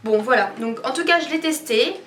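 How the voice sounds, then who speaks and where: A woman's voice: sits high, animated, fairly quick, fairly bright tone. A woman chatting casually to viewers as a beauty vlogger reviewing products, candid and opinionated in colloquial wording. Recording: roomy echo, distant mic, faint music behind.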